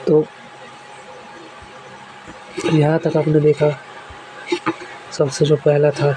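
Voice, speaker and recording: A man's voice: on the high side, monotone, very slow, background noise. A man teaching a shorthand class, patiently walking through examples and repeating them step by step. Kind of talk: classroom lesson explaining strokes.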